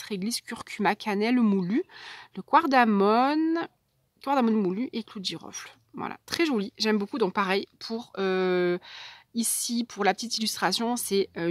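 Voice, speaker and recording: A woman vlogger chatting casually as she unboxes a parcel, soft and hesitant, with many fillers. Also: on the high side, no room sound, clean studio sound.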